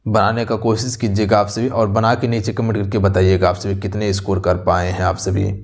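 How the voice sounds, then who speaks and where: A man's voice: lowish voice, flat delivery, fairly quick. A man, an exam-prep teacher walking through a question paper, repeating himself and addressing viewers directly, on a close voice-over mic. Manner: repetitive, addresses viewers as "aap sabhi".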